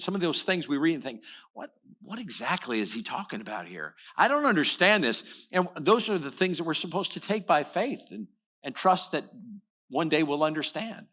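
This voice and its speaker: Bright-voiced preacher man, earnest and repetitive. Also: on the high side, expressive, normal speed. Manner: earnest, repeats words and restarts phrases. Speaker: pastor. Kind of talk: sermon. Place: church sanctuary.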